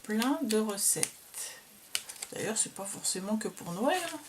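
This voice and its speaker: Slow-talking woman showing crafts. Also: medium pitch, lively intonation, noisy background. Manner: slow, hesitant, filled with "euh". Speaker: craft vlogger showing a received album. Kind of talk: casual show-and-tell.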